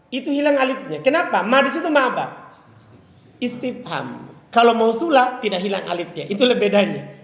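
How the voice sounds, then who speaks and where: High-voiced male teacher in an echoey room. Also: a bit bright. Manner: quizzes listeners with questions, then answers them himself; recites Arabic phrases slowly and drawn out. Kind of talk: live lecture on Arabic grammar. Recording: echoey room with long reverb.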